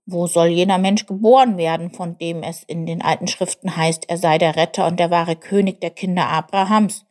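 A woman voicing a grumpy old male buffalo who mutters and grumbles slowly. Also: fairly low pitch, fairly even intonation, a little mellow, natural voice. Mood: grumbly.

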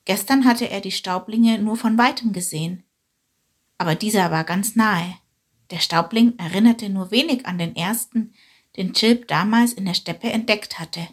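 A woman calmly narrating a children's storybook. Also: mid-range voice, normal speed, slightly rough.

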